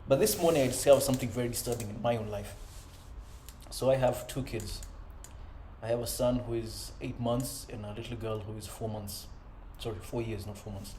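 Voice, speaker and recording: A man in his thirties talks earnestly to young men about self-improvement. His voice sounds mellow and unhurried. The recording sits in an echoey room with a faint ambient hum behind him. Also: medium pitch. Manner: earnest, conversational, frequent "you know" and "right?". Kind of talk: reflective personal monologue.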